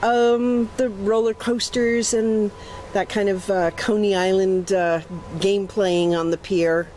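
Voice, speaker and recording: A woman's voice: mid-range voice, flat delivery, slow pace, darkish tone, slight background noise, low-quality recording. A woman in her sixties from England, thoughtfully recalling old times in a documentary interview.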